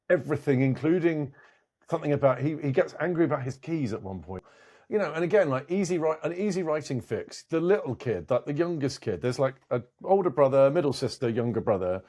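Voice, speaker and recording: A man's voice: mid-range voice, a little mellow. A man talking casually about a film, exasperated and conversational, laughing often. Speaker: guest film reviewer. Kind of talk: casual film review chat.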